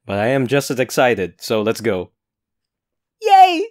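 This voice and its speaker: A playful, excitable gaming host giving casual let's-play commentary. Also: medium pitch, normal speed.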